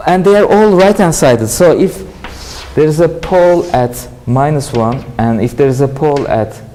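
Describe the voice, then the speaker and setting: A university lecturer with a Turkish accent, a native Turkish speaker, giving a classroom lecture and often asking questions, then answering them himself. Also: male voice, fairly high pitch, moderate pace, warm tone, slight background noise, rough recording. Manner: explanatory, asks and answers his own questions. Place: lecture hall.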